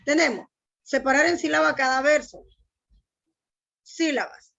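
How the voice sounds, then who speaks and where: A woman's voice: sits high, a little slow, vocal fry, a bit bright, muffled recording. A woman teacher giving an online language lesson, patiently explaining step by step and asking students to read aloud.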